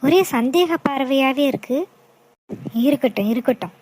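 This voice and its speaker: A woman's voice: sits high, lively intonation, moderate pace, a little mellow, husky, poor audio. A woman voicing a jealous, scheming young woman who mutters scornful asides in a cartoon. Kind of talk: cartoon voice acting.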